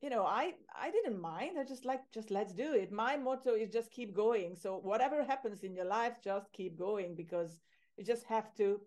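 A woman's voice: mid-range voice, animated, normal speed, darkish tone. A middle-aged woman, talking casually as a podcast guest, laughing easily and often restarting her phrases. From Hungary. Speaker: podcast guest, agency owner. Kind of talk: casual interview conversation.

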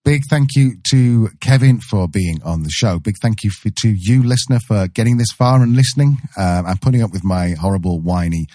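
A man's voice: lowish voice, moderate pace, few pauses, warm tone, dry recording, clean studio sound. A man co-hosting a podcast, with a nasal voice, bantering casually in a self-deprecating way. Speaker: podcast co-host. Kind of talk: casual show outro.

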